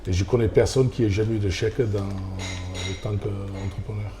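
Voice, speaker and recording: A restaurant owner and former rugby player from Australia answers interview questions in halting French, restarting often, with an Australian accent. His voice is deep and his delivery flat, with background noise behind him.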